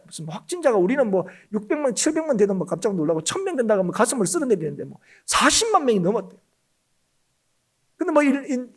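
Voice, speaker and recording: Fast, lively Korean pastor preaching. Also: male voice, very high-pitched. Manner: emphatic, often addresses the congregation. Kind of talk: Korean church sermon. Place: church sanctuary.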